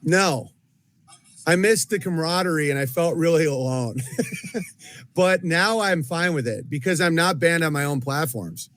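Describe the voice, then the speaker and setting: A man's voice: a little high, a little slow, fairly bright tone, slight background noise. A man being interviewed, telling sardonic jokes in rants. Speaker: interview guest. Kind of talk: joking interview talk.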